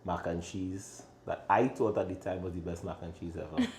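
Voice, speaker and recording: A man's voice: low-pitched, moderate pace, a little mellow, echoey room, slight background noise. A man in his thirties from Trinidad and Tobago with a thick Trinidadian accent, an easygoing chef chatting casually in an interview and laughing often. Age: 30s. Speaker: chef and restaurant owner.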